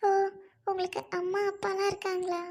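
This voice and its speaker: A woman's voice: very high voice, completely flat delivery, brisk. A woman voicing a lonely orphaned young woman who talks through tears, pleading and sobbing. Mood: tearful. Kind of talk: amateur dialogue drama.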